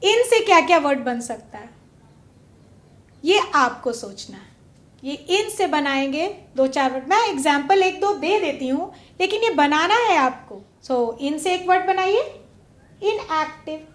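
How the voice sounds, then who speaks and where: A woman teaching a class, asking her pupils questions and drawing out example words slowly. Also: sits high, expressive, reverberant. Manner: slow, drawn-out stress on example words; asks pupils questions and waits. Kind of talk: classroom lesson. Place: studio classroom.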